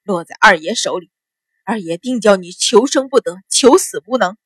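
A woman voicing a defiant captive nobleman who shouts loud insults in a storybook reading. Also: medium pitch, expressive, moderate pace, slightly rough, no echo.

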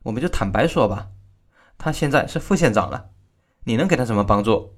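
A man's voice: mid-range voice, lively intonation, fairly quick. A man reading the part of a cold, arrogant young woman, a general's daughter, in a spoken story, with a taunting delivery. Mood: scornful. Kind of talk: storytelling narration.

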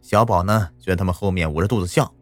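A man's voice: deep voice, fast talker, no room sound, soft background music. A man voicing a nervous, placating middle-aged village uncle.

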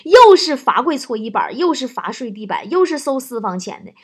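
A woman telling comic anecdotes in a lively, punchline-driven way. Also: sits high, moderate pace, slightly rough. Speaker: comic storyteller.

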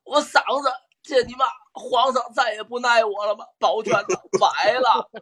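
A man doing a comic impression of a hoarse imperial concubine and her maid, with a raspy, crude delivery. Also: extremely high pitch, steady tone, moderate pace, background noise. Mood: hysterical. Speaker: audience caller. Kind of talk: comic impression of palace drama.

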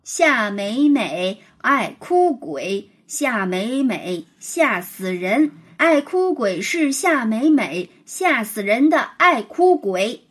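A woman voicing a boastful, mischievous schoolboy who teases loudly in a sing-song way. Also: on the high side, big pitch swings, normal speed, hardly any pauses, husky, exaggerated voice. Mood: taunting. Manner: loud, taunting, sing-song chanting.

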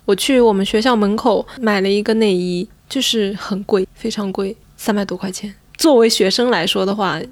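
A woman in a relaxed, amused casual chat, reading out friends' comments and telling her own stories. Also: medium pitch, moderate pace, hardly any pauses, no room sound.

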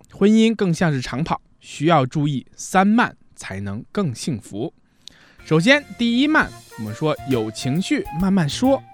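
A man with a high, bouncy voice hosts a relationship advice radio show. He explains each point in a chatty, lively way and acts out the lines he quotes. Soft music plays behind him. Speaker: radio host.

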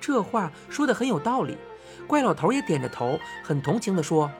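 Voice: medium pitch, sing-song, moderate pace, music in the background. An audiobook narrator reading a children's story in a plain storytelling manner.

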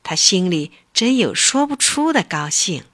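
A woman telling a children's story slowly and gently, with a bright, clear voice. Her delivery is expressive and full of lilt. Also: on the low side.

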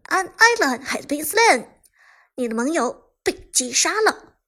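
A woman putting on a loud, declamatory video game announcer voice while reading a story aloud. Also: high-pitched, very animated, measured pace, voice pushed up, full character voice. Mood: announcing. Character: booming game announcer voice, male.

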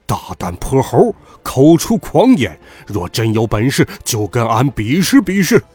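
A man voicing an arrogant, scornful male demon king with a gruff, sneering delivery in a storybook reading. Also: lowish voice, sing-song, a little slow, a little mellow, soft background music, voice pushed down, heavily acted.

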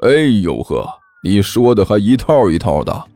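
A man's voice: medium pitch, big pitch swings, normal speed, dark tone, faint music behind. A man voicing a stern school teacher who sneers and scolds. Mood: sneering. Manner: cold, sneering.

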